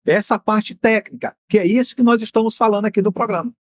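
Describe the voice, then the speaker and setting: Fast-talking and steady in tone, with a voice that sits high and no echo, a Bahian-accented Brazilian TV host and mentor breaks down finance in a studio, posing rhetorical questions in a didactic style.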